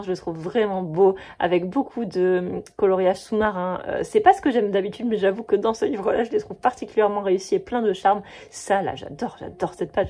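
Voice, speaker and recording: A woman's voice: medium pitch, mellow. A woman in her thirties chatting casually on her video channel, gushing about favorites with plenty of fillers and restarts. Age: 30s. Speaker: coloring book vlogger. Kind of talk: casual chat.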